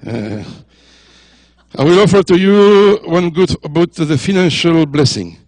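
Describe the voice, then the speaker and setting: A man's voice: fairly high pitch, animated, takes it slowly, a little mellow, no echo. An older man preaching as a guest in a church, jovial and joking with the congregation, mixing French, English and Spanish. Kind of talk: sermon.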